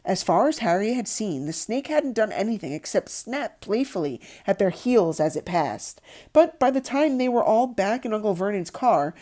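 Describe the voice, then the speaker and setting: Reading a storybook as its narrator, this woman brings an expressive delivery with lots of pitch variation. Her voice is mellow and soft around the edges, as suits an audiobook narrator.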